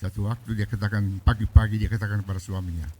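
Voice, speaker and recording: A pastor preaching a sermon, telling a story and quoting the people in it. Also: male voice, lowish voice, level tone, quick pace, mellow, slightly rough, rough recording. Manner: storytelling, quoting people in their own voices.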